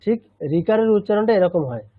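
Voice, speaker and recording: High-voiced man teaching over a tinny line. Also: dry recording. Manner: patient, repeats sounds slowly, mixes in English. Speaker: Sanskrit chanting teacher. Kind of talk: online language lesson.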